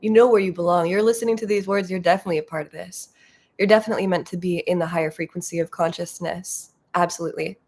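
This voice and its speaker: A woman's voice: lowish voice, steady tone, quick pace, darkish tone, breathy edge. A woman talking casually as a spiritual coach, acting out inner voices and swearing here and there.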